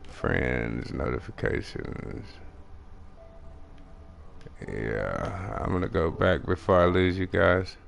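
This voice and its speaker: Young Texan man, low voice, country accent, mumbly and fast, gaming commentary. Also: very animated, gravelly. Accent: country Texas. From Texas, USA. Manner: fast mumbling talk with restarts. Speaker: gaming streamer. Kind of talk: casual gameplay commentary.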